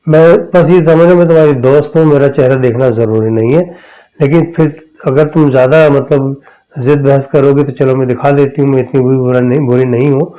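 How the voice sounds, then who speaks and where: A man voicing a friendly female jinn spirit in a spoken horror story, in a soft, reassuring, coaxing manner. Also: medium pitch, steady tone, highs cut off, natural voice.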